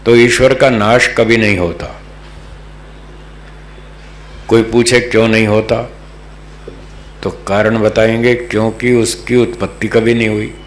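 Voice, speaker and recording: A man from North India teaching a patient, slow scripture lesson to a live group, often checking that they follow. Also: on the low side, flat delivery. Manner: patient, checks understanding with the audience. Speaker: religious teacher. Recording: echoey room, faint hum.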